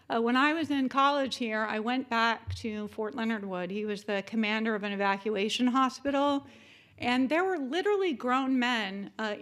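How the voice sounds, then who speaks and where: A woman born in Japan to a military family gives a conference keynote in a chatty style full of fillers. Her voice is on the high side with a fairly bright tone.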